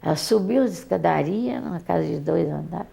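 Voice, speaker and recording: An older woman with a Brazilian accent gives oral history testimony. Her voice is heavily gravelly and dark, a little low for a woman. She talks haltingly and often repeats and restarts her words. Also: expressive. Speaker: interviewee, mother recalling her daughter.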